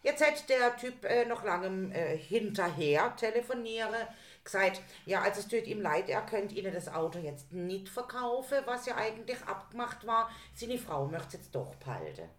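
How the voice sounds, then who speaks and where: A woman's voice: mid-range voice, big pitch swings, moderate pace. A woman, chatting casually as a podcast co-host and telling a rambling story. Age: 40s. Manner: chatty storyteller, trailing restarts. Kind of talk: casual chat. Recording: echoey room.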